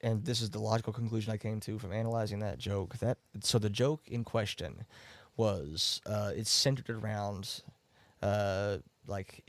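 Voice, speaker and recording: A man's voice: lowish voice, no echo. A man hosting a streamed debate, explaining his points step by step and working through examples. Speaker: debate host. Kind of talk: casual debate on a livestream.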